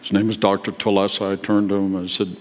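A man's voice: low voice, flat delivery, quick pace, darkish tone, big-room sound. An older man preaching as a guest in church, telling a story in a folksy, confessional way with asides, his sinuses stuffed up. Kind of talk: sermon storytelling. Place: church sanctuary.

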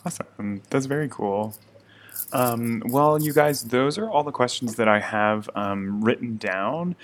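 A man's voice: medium pitch, unhurried. A man interviewing a group in a casual, conversational way. He thinks aloud and often hums to show he is listening. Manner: relaxed, thinks aloud, frequent hums of acknowledgment.

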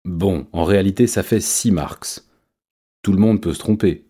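A man's voice: normal speed, mellow, husky. A man voicing a greedy male chimpanzee who runs the till, yapping his words in a storybook reading. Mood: backing down. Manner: shrill, bossy.

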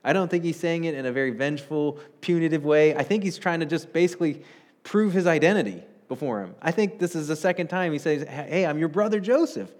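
Animated man preaching a sermon. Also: fairly high pitch, a little fast. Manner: conversational preaching, animated, rising with emphasis. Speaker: pastor.

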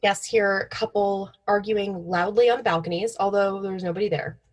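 A woman's voice: medium pitch, steady tone, moderate pace. A young woman co-hosting in an informal, offhand way, telling stories partly read from notes. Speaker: podcast co-host.

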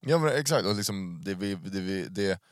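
A man's voice: low voice, lively intonation, dry recording, clean studio sound. A young man hosting a podcast in casual, slangy chat sprinkled with English phrases. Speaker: podcast host.

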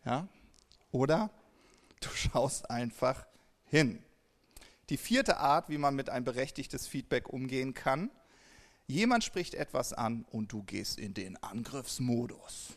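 Male preacher, unhurried delivery, average pitch, whispers key points, plays out sample reactions. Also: sing-song. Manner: drops to whispers for emphasis, acts out quoted reactions. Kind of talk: devotional sermon.

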